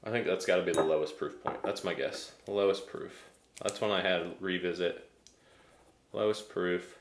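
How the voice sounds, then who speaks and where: A deep-voiced American man gives a casual tasting review. He talks hesitantly, working out his thoughts as he goes. The sound is roomy, with noticeable echo. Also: steady tone, moderate pace. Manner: hesitant, thinking aloud. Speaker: whiskey reviewer.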